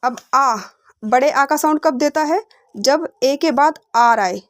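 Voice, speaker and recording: A woman teaching English phonics, explaining patiently, repeating words slowly and asking rhetorical questions. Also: high-pitched, no room sound, studio quality. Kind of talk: explanatory lesson.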